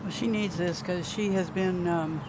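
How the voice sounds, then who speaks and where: A man giving conversational golf commentary as an analyst, pausing mid-thought. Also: high voice, fairly even intonation. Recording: loud outdoor course noise.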